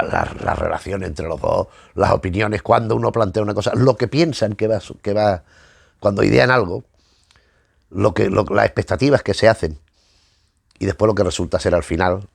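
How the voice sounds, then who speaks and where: While flipping through comics, a male channel host offers a casual, halting review, repeating words as he works out his next point. His fairly low voice is gravelly with a breathy edge. The sound is dry and studio-clean.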